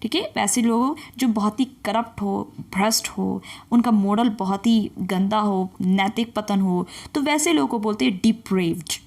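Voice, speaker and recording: A woman teaching English vocabulary, reading each definition slowly, then explaining it and quizzing the listener with repeated questions. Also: medium pitch, a little mellow. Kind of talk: bilingual vocabulary lesson.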